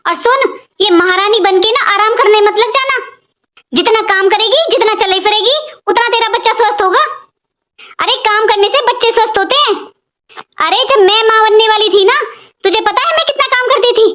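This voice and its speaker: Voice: very high voice, normal speed, pushed and bright. A performer voicing a harsh, bossy middle-aged mother-in-law who taunts her daughter-in-law in a cartoon story. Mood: scolding. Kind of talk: animated cartoon voice acting.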